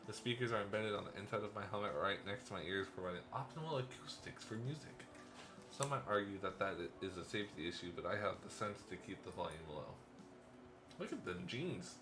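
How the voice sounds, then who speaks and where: A man's voice: on the low side, quick pace, over music. A man hosting a let's play, reading a visual novel's first-person narration aloud with playful asides and chuckles.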